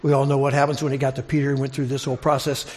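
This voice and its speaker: Speaking very fast, a man with a medium-pitched, level, slightly mellow voice preaches to a congregation. The sermon is conversational and expository, with questions to listeners and phrases repeated for emphasis.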